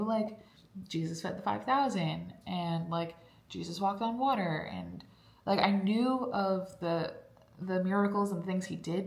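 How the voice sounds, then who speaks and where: In a cold basement room at home, a young woman vlogs casually about her reading. Her medium-pitched voice is creaky and a little mellow, and she sounds congested as she rambles with plenty of fillers in an echoey space.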